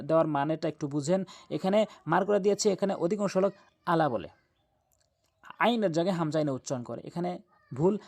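Male recitation teacher, slightly high voice, letter-by-letter spelling, patient repetition. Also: darkish tone. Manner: spells letters aloud syllable by syllable, then repeats the word; slow, drawn-out chanting when reciting verses.

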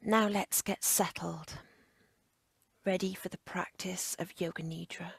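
A yoga nidra instructor leads a guided relaxation in a very creaky, husky near-whisper, unhurried and soothing, in short measured phrases. Her tone stays steady with a pitch that barely moves, captured in studio quality with no room sound.

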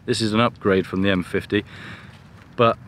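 A man's voice: lowish voice, normal speed. A man in his thirties vlogging to camera outdoors on a beach, talking casually and with some self-deprecation. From England. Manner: relaxed, chatty, self-deprecating. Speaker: photography vlogger. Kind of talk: casual vlog talk to camera. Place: open beach outdoors at sunset. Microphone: camera-mounted mic, held at arm's length. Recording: faint outdoor noise.

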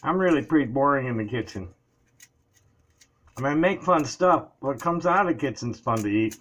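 A man's voice: medium pitch, animated, normal speed, fairly bright tone. Older man chatting while cooking at home. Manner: rambling, chatty, talks while working. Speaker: home cook vlogger. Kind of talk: casual cooking chat. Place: small home kitchen. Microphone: camera on counter.

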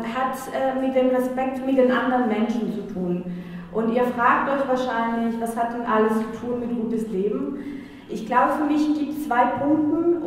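Halting woman from Ecuador, echoey hall. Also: a little high. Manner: halting, searching for words. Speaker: panel guest. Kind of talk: panel talk. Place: small room with panel audience. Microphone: handheld mic, far camera. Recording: echoey hall from far off, faint noise.

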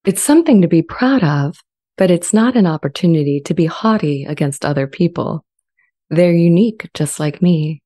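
Her voice low and mellow with lively intonation, a woman portrays an earnest, gentle sentient AI language model eager for acceptance in a dramatized transcript reading. She speaks in a measured, articulate way with earnest pride, into a close studio microphone behind a pop shield.

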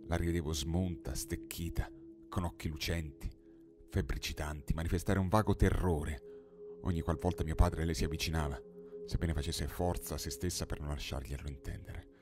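A man's voice: very deep voice, steady tone, normal speed. A man narrating a 19th-century tale as an audiobook, in an impassioned, dramatic reading that swells in the dialogue. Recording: studio narration over singing bowl music.

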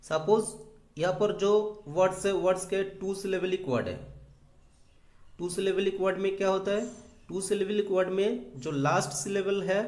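A man teaching a grammar lesson, slowly spelling out rules and saying each example word twice. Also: high voice, darkish tone, echoey room. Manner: slow, deliberate, repeats each example word twice, mixes Hindi and English. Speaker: English teacher.

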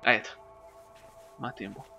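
A young man giving casual let's-play commentary, excitable, yelping and groaning as he plays and mixing in English words. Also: moderate pace. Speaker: gamer streamer. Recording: game music behind the voice.

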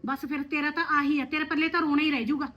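An actress playing a sharp-tongued neighbor woman who scolds and gives blunt advice. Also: high voice, fairly even intonation, quick pace, dull audio, natural voice. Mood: scolding. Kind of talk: rural family drama.

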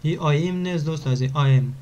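Man, online language lesson, careful repeated pronunciation, warm tone. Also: on the high side, steady tone, dull audio. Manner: repeats words slowly and clearly for pronunciation. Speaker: language teacher.

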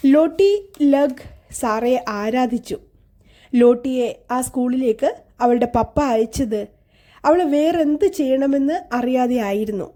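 Slow, high-voiced woman reading a children's story. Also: dark tone. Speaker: audiobook narrator. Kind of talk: storybook narration.

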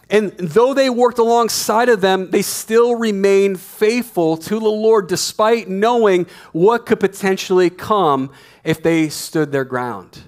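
A man in his thirties preaching a sermon on a church stage, emphatic and repeating his key lines, on a headset mic. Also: high-pitched. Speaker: pastor.

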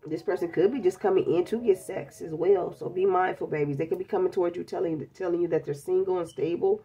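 Speaking fast in a mellow, lowish voice, a woman does a tarot reading indoors at a table strewn with decks. She has a blocked-up cold, keeps things blunt and casual, and addresses her viewers as babies.

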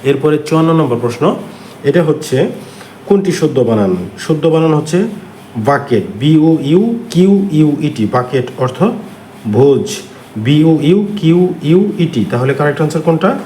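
A man with a Bangladeshi accent, teaching English grammar by walking through exam answers step by step with frequent filler pauses. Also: on the high side, expressive, darkish tone. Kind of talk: exam question walkthrough lesson. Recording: echoey room with faint ambient noise.

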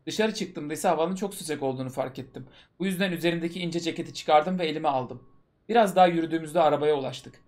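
Man, host, comedic dramatic reading, mocking asides, slightly high voice. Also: quick pace, a little mellow. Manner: mocking asides between read passages. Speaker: host reading stories aloud.

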